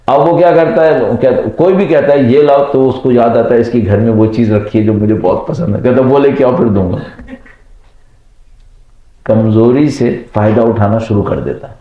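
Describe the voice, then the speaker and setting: Cleric telling parables in an echoey hall. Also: male voice, mid-range voice, highs cut off. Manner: tells parables with acted voices of children and managers. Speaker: Shia cleric. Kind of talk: sermon with storytelling. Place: religious gathering at night.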